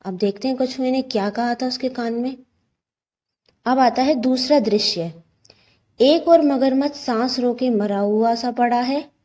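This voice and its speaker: A woman's voice: on the high side, mellow. A woman teacher reading a children's textbook story aloud, explaining hard words with simple ones and asking rhetorical questions.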